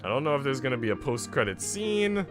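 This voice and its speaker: A male game streamer chats casually and ramblingly with viewers over background music. His mid-range voice is very animated and brisk.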